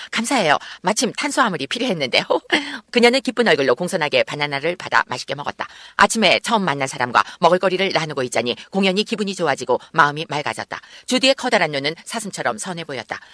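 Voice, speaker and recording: Quick, bright-voiced man reading a story. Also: on the high side, no room sound, studio quality. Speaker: story reader. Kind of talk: reading a first-person story aloud.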